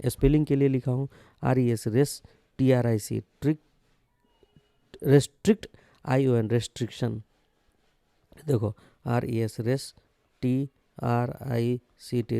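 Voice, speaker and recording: Gravelly, dark-voiced male teacher spelling words. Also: medium pitch, no room sound. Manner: spells words letter by letter and repeats meanings. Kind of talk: vocabulary lesson.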